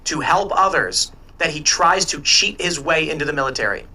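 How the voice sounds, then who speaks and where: A man giving earnest, explanatory commentary in a conversational panel-talk style, pausing to find words. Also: on the high side, very animated, pushed and bright.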